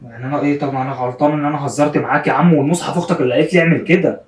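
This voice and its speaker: A man's voice: fairly high pitch, steady tone, racing. A young man with an Egyptian accent, pleading and apologizing anxiously, repeating himself over and over in a casual prank vlog. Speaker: prankster vlogger. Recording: roomy sound from a distance.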